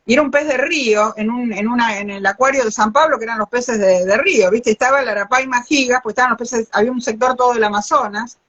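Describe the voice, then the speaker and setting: With highs cut off in the video call audio, an older Argentine biologist hosting a live, casual interview speaks fast at a fairly high pitch, barely pausing. Her Rioplatense storytelling is animated and riddled with restarts.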